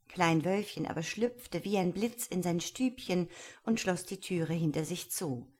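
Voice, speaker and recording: A woman reads a fairy tale aloud in a calm, even way. Her voice sits a little low for a woman. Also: measured pace. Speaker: storyteller.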